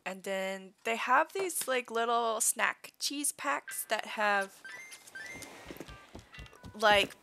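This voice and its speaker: A chatty female streamer talks in an unhurried way, her pitch bouncing high and low as she goes. She giggles often and fills her talk with "like". Loud music plays behind her the whole time. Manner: chatty and bubbly, many "like" fillers; giggles often between sentences. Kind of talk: casual gameplay chat. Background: loud background music.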